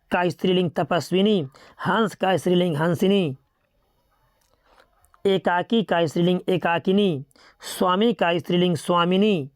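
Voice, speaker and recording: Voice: medium pitch, dry recording, studio quality. Methodical teacher reciting word pairs. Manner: steady, methodical listing with repeated reminders to remember. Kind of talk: grammar lesson, reading out word pairs.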